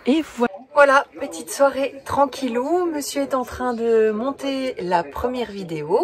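A woman in her forties chatting casually as a travel vlogger, with many filler pauses, talking to a camera held at arm's length. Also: sits high. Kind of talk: casual vlog narration. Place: camper van and outdoor campsite. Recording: noisy road and vehicle background.

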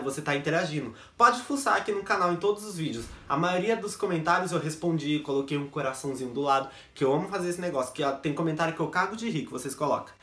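A man's voice: fairly high pitch, fairly bright tone, echoey room. A young man from São chatting casually to camera in a jokey, self-mocking vlog, recorded at home on a basic camera mic. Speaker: YouTuber. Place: bedroom set at home.

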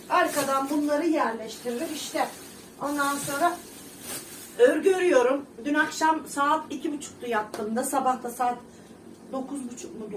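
Chatty woman vlogging in an echoey kitchen. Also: sits high. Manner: chatty, rambling, frequent fillers. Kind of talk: casual chat to viewers. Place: home kitchen. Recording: echoey room, distant mic, background noise.

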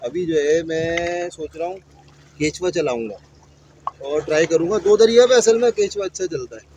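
Man in his 30s, relaxed seaside angler, slightly higher voice, noisy waves. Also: moderate pace. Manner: relaxed, explains how to bait a hook. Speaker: angler vlogger. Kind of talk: casual vlog talk. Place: outdoors, on seaside rocks.

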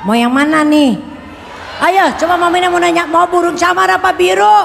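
A woman's voice: extremely high pitch, steady tone, fairly quick, creaky, long reverb tail, a faint crowd, slight background noise. An older woman singer chatting with her audience from a festival stage, teasing and laughing, with a live band behind her. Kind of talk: playful stage banter with the crowd. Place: concert stage at a music festival. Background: live band music.

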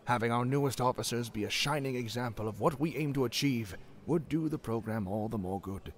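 A man's voice: mid-range voice, a little fast, close to an everyday voice. Man doing a formal male official. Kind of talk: audiobook character voice.

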